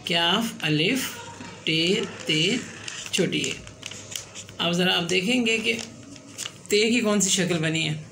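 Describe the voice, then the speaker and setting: A woman teaching letters and words at a slow, unhurried pace, counting each letter out loud. She pauses to check in as she goes. A faint hiss runs behind her voice. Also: fairly low pitch. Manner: counts letters aloud, checks in with "theek hai". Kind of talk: slow step-by-step writing lesson.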